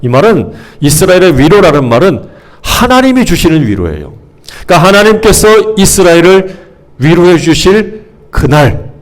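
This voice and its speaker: Lively, higher-voiced male pastor preaching. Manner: conversational preaching, acts out quoted scolding voices. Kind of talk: sermon.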